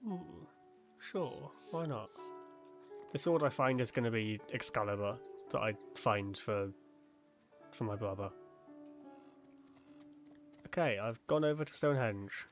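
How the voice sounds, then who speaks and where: A man's voice: mid-range voice, expressive, unhurried, pauses often. Man, casual game commentary, wry and chatty, mid-range voice, faint music behind. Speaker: game streamer. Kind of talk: casual let's-play commentary.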